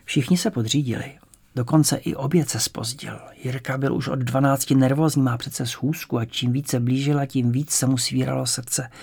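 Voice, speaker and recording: Gravelly male audiobook narrator. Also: mid-range voice, steady tone, darkish tone. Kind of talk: scripted narration.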